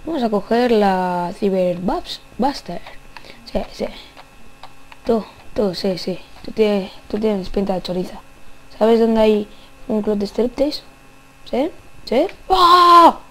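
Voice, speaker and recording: A young woman giving silly, playful gameplay commentary, repeating phrases with rising pitch and singing bits. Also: warm tone, low-quality recording. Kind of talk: playful let's-play commentary.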